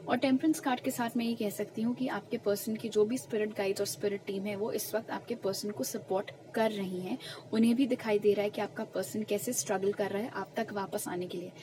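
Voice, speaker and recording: A woman's voice: medium pitch, fairly even intonation, background noise. A young woman giving a pick-a-card tarot reading, explaining each message earnestly and with emphasis. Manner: slow, soft murmured questions while shuffling cards. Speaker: tarot reader.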